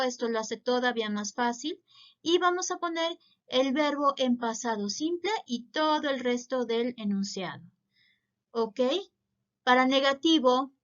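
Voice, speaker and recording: A woman teaching English grammar in Spanish, giving clear step-by-step explanations and pronouncing English example words. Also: sits high, fairly bright tone, lo-fi sound.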